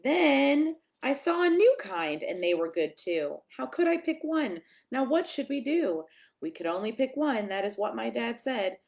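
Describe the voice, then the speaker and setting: With a fairly high pitch and noticeable vocal fry, a woman performs a picture book at storytime for kids. Her reading is animated and sing-song, punctuated by emphatic pauses and quick asides to the audience.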